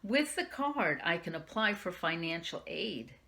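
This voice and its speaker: Reading a first-person young adult novel aloud, a woman librarian in youth services raises her voice for the dialogue. Her voice is fairly low, gravelly and sharp in tone, very animated though a little slow.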